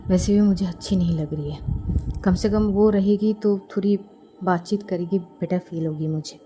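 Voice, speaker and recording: A woman voicing a troubled young bride-to-be who speaks softly and pleadingly. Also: on the low side, moderate pace, soft background music, pitched below the performer's own voice, close to an everyday voice. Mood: weary. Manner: soft, pleading, faint.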